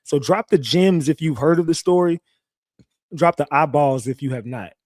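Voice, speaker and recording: Streaming true crime from home, this young man speaks straight to his chat in slang, repeating himself a lot. His slightly raspy, recovering voice is fairly high and a little mellow, delivered at a moderate pace with studio-quality sound and no echo.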